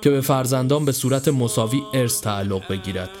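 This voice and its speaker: A man narrating a scripted horror story in a measured, even storytelling voice. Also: mid-range voice, soft background music.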